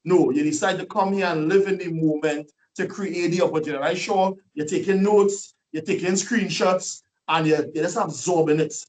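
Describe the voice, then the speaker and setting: A man giving a lively, preachy motivational webinar talk full of rhetorical questions, over a video call. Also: high voice, normal speed, hardly any pauses, recorded from a distance, poor audio. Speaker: guest speaker.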